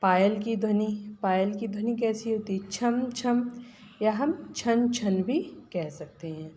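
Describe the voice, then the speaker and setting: Slow, patient woman teacher. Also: mid-range voice, dark tone, a little hiss or hum. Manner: patient, asks questions then answers them. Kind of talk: classroom lesson explaining workbook answers.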